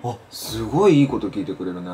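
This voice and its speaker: A man's voice: on the low side, very animated, quick pace, music in the background. A man in his thirties hosting a casual get-ready-with-me chat, playful and chatty, speaking in a feminine-styled way. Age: 30s. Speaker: channel host. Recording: clear background noise.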